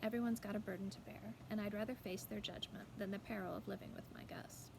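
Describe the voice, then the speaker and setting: A woman's voice: medium pitch, fairly even intonation, fast talker, lightly acted. A woman reading first-person fiction as an unrepentant young rural widow, with a wry, matter-of-fact telling. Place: outdoors in a backyard. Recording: clear outdoor background noise.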